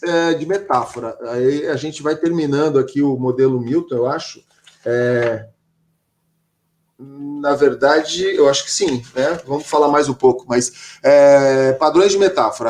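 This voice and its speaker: A man's voice: a little high, a little mellow. A man in a casual teaching chat who asks questions and answers with short words of agreement.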